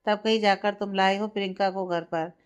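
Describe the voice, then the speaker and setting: A woman's voice: mid-range voice, fairly even intonation, moderate pace, clear, resonant tone, close to an everyday voice. A woman voicing a middle-aged mother. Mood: light.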